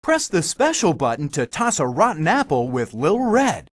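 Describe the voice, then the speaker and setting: A man's voice: a little high, huge pitch swings, moderate pace, no echo. A man voicing a helpful magic mirror, a theatrical fairy-tale guide giving scripted, instructive video game hints.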